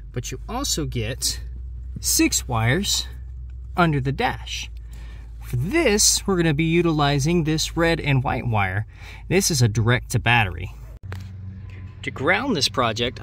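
A man of medium pitch and fairly bright tone hosts a do-it-yourself vehicle video, calmly explaining each stage of an install in plain terms. Vehicle ambience makes the recording noisy.

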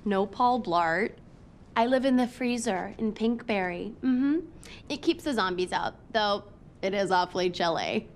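A woman's voice: medium pitch, measured pace, a little hiss or hum, natural voice. An actress playing a ditzy, bubbly young woman in a comedy film scene, talking in an airy, giggly way.

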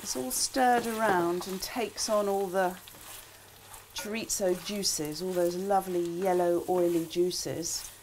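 An older woman with a relaxed, chatty manner, talking through a recipe in a small kitchen. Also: lowish voice, slow, a little hiss or hum. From England. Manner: chatty, relaxed asides with frequent ums. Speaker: cookbook author demonstrating a recipe. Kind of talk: casual cooking demonstration. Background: food sizzling in a pan.

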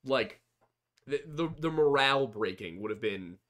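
A man co-hosting a casual history podcast, often agreeing briefly and sometimes making a measured point. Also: mid-range voice, lively intonation, fairly bright tone. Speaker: podcast co-host.

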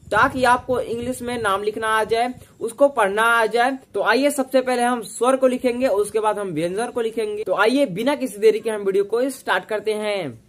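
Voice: mid-range voice, fairly bright tone. A teacher giving a patient online spelling lesson, repeating each point and stretching out sounds to demonstrate them. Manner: recites sound pairs in slow sing-song.

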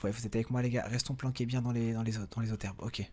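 A man's voice: medium pitch, fairly even intonation, fast, slight background noise. A man giving casual let's-play commentary as a gaming video host, chatty and often correcting himself as he talks to viewers and his in-game companions. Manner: drops to a hushed voice while sneaking.

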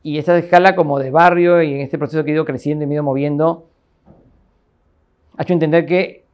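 A man's voice: on the high side, steady tone, quick pace, darkish tone. A man in his forties from Lima with a Peruvian accent, an architect speaking thoughtfully in an interview, often tagging sentences with a questioning "no?". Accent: Peruvian Spanish, Lima. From Lima, Peru. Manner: thoughtful, many fillers and "¿no?" tags. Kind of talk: reflective interview monologue. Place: office with bookshelves, indoors.

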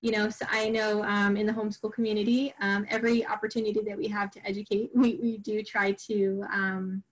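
A woman's voice: medium pitch, flat delivery, fairly quick, low-quality recording. Middle-aged woman presenting to parents; casual, rambling delivery with fillers. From Long Island, New York. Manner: chatty, many fillers and restarts. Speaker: homeschool group presenter. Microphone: recorded online program.

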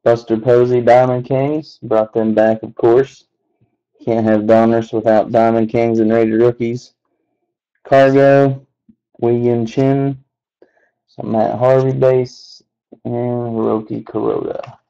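A man slowly calling out the names on each card as he opens packs, adding relaxed asides. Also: medium pitch, highs cut off. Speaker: card box breaker. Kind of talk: unscripted card-opening commentary.

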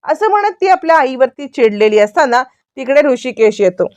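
A woman retells a TV serial episode in a rambling way, looping through linking phrases. Her voice is high, and the recording is dry and close. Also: big pitch swings, normal speed, no echo. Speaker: serial recap narrator.

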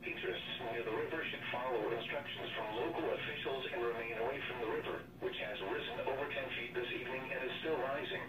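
An automated weather radio announcer, a synthetic text-to-speech male voice at mid-range pitch, reads a scripted emergency alert in a flat, formal, measured way. A camera captures the radios playing on a table in a small room, so the sound is roomy, distant, and noisy, with a noisy crowd underneath.

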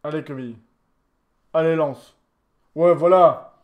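High-voiced tired gamer. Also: male voice, a little slow. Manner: excitable, shouts at the referee and players. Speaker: gaming YouTuber. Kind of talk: casual game commentary.

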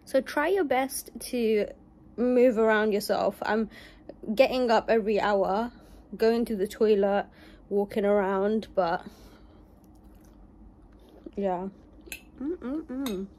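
Young woman, casual vlog chat, shaky sore voice, mellow warm tone. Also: mid-range voice, steady tone, slow pace, long pauses. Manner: chatty, talks to viewers. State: shaky voice, in pain. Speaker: vlogger recovering from surgery.

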